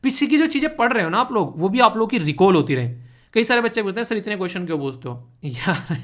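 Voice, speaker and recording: A man's voice: sits high, fairly bright tone. A man teaching an online exam-prep lecture in a chatty, teasing way, dropping English terms into Hindi and often checking in with his students. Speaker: current affairs teacher.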